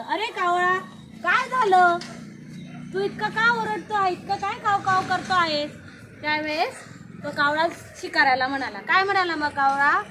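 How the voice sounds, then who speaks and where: A woman teacher telling a story to young children in an animated way, often pausing to ask them questions. Her voice sits very high and sounds bright, with faint noise in the background.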